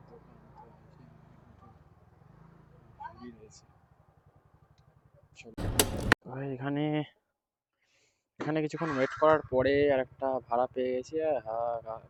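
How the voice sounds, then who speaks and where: A man vlogging as a bike taxi rider, speaking quietly in casual chat while riding through city streets. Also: medium pitch, highs cut off. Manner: talks quietly because his mic distorts. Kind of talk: casual ride-along vlog chat. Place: outdoors on a scooter in city traffic. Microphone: action camera mic while riding. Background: wind and traffic noise.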